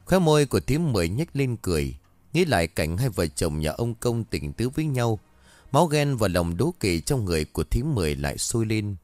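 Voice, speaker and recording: A man narrating a ghost story in an expressive storytelling manner. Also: on the low side, brisk, dry recording.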